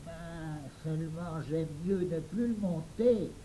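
A man voicing a kind, flustered boy in an audiobook, gentle and apologetic. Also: fairly high pitch, slow, a little hiss or hum, poor audio. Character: kind, overworked boy errand-runner. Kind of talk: audiobook character reading.

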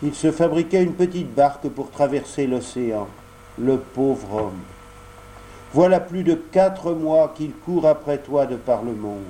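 A man's voice: fairly high pitch, warm tone, a little hiss or hum, low-quality recording. Man doing a big kindly storybook pigeon. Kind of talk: audiobook character voice.

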